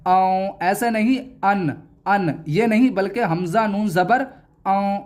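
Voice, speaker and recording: A man's voice: high voice, measured pace, darkish tone. A man teaching Quran reading in a recorded lesson, patiently spelling out each syllable and repeating it.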